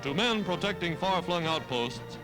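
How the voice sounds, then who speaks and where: A high-pitched man narrates an old newsreel with an emphatic, declamatory wartime delivery. Brassy music plays loudly under his voice on an archival film soundtrack. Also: animated, moderate pace.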